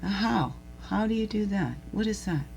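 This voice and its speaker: A woman hosts a daily spiritual reflection show in a mid-range voice with lively intonation, moderate pace, and vocal fry, over slight background noise. Warm-hearted and rambling, she laughs at herself and asks the listener lots of questions.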